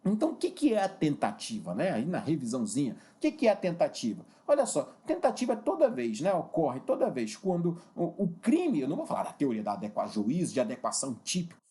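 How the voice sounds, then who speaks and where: A man teaching a recorded law lesson, lively and engaging, stretching key terms slowly and constantly checking in with the viewer. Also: on the high side.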